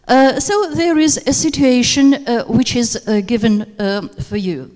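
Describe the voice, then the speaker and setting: A Russian-speaking teacher trainer delivers a workshop lecture in a seminar room, her fairly high, slightly mellow voice moving at an unhurried pace. She speaks hesitantly, with many fillers. The handheld microphone picks up hall reverb.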